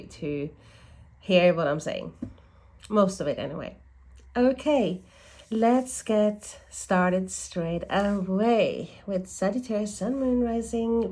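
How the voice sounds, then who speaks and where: A woman with a mid-range, somewhat dark voice gives a casual tarot reading. Congested from a lingering cold, she sounds stuffed up and muses aloud, correcting herself often.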